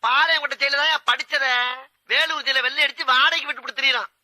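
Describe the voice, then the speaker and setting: A boastful braggart puffing up his prison past in a comic, rambling film monologue. The voice sits very high with a sharp, bright edge. The sound is close and dry. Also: steady tone, fast talker, no echo, exaggerated voice.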